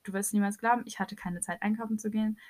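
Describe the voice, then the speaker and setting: A young woman co-hosting a podcast, telling stories in lively, joking casual chat. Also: medium pitch, fast talker. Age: young adult. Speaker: podcast co-host.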